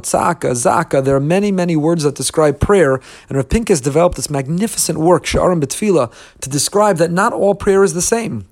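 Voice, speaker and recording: A man's voice: a little high, a little mellow. Earnest man teaching a Torah lesson. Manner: earnest explanatory, rhetorical questions, Hebrew terms. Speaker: rabbi teaching prayer.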